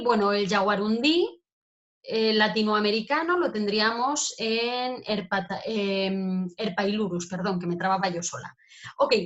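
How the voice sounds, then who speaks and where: A woman's voice: mid-range voice, a bit bright. A woman giving an informal talk over slides as a wildlife educator, chatty and full of check-in tags. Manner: chatty, peppers phrases with "¿vale?".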